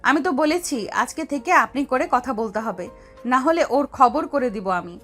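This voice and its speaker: A woman's voice: high-pitched, animated, fairly quick, fairly bright tone, faint music behind. A woman playing a bossy, hot-tempered older sister who scolds and commands in an audio drama. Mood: scolding. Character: bossy older sister, domineering, quick to anger. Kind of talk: Bengali audio love-story drama.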